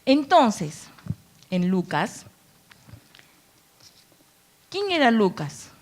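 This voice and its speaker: A woman's voice: a little high, very animated, extremely slow. A woman pastor preaching a conversational sermon, full of rhetorical questions and playful acted-out quotes. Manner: acts out quoted voices with playful asides.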